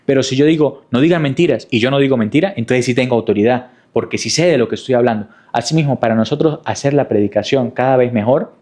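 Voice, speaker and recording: A man's voice: medium pitch, fast, hardly any pauses, darkish tone. A man preaching a sermon in a teaching manner, asking rhetorical questions and repeating key points. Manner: didactic, with rhetorical questions and repetition.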